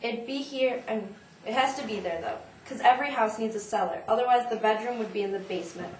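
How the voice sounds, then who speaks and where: Flustered rambly old lady who keeps dodging , a woman putting her on, bit high, echoey room, mic far off. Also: brisk, close to an everyday voice. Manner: rambling, flustered, dodges the question. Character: nervous, evasive old woman, elderly. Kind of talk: audition monologue. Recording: roomy, from a distance, faint noise.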